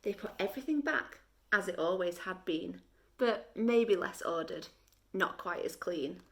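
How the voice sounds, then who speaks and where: A woman of medium pitch, sounding like a teacher, reads a children's tale aloud. Each line comes out deliberate and expressive, with dramatic pauses in between.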